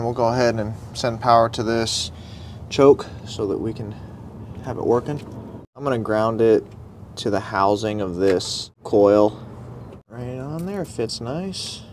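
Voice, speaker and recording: A man's voice: mid-range voice, slight background noise. Man muttering through garage repairs. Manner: relaxed, muttering asides to himself. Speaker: vlogger working on a carburetor. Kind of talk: casual running commentary while working. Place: outdoor workshop table beside a truck.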